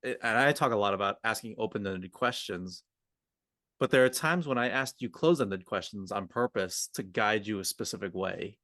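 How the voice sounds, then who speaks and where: Here the podcast co-host, a communication coach, talks at a moderate pace in a lowish, fairly bright tone. The studio sound is clean with no room ambience, and his improvised coaching explanations lean on made-up quoted exchanges to make each point.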